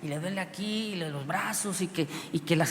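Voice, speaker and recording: Gravelly Mexican preacher in echoing hall. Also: male voice, high-pitched, a little fast. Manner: animated, swings from loud outbursts to quiet asides, laughs often. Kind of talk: storytelling sermon. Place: church hall with long reverb. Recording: reverberant hall, faint background noise.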